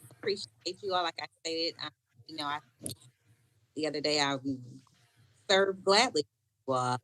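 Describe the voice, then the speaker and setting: A woman school board member speaking in halting, fragmented phrases over a video call, her audio breaking up and dropping words. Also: rumbling low, low-quality recording. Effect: choppy video call audio breaking up, words dropping out. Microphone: laptop on a video call.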